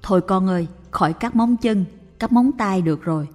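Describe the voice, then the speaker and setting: A woman voicing a soft-spoken frail old mother. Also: medium pitch, fairly quick, natural voice. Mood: gentle. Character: frail elderly mother, gentle but firm. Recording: reverberant with faint music.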